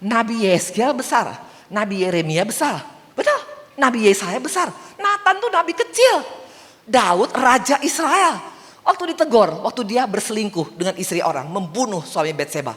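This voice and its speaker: A woman's voice: a little high, normal speed. A woman evangelist giving a sermon in a large church, telling stories and putting questions to the congregation. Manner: lively storytelling, asks the congregation questions. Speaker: evangelist preacher. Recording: long church-hall reverb.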